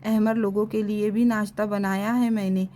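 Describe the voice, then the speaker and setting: A woman's voice: medium pitch, level tone, normal speed, dark tone, slight background noise, voice pushed down, lightly acted. A woman reading the part of a cheerful young female student, friendly and coaxing.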